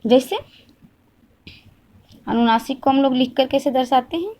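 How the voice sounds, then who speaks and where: A woman with a fairly high voice teaches a grammar lesson step by step, asking questions and answering them herself. She repeats each point slowly so it sinks in, against a noisy background.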